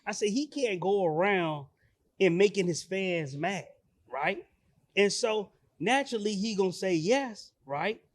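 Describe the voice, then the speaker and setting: A man, a father and podcast co-host, telling a story in casual chat with lots of laughter and animated delivery. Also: sits high, a little slow.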